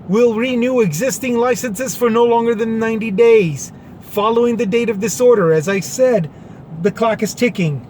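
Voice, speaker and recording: A commentary vlogger with a very high male voice reads out a government order and explains it in plain terms, with a sarcastic edge. There is slight background noise.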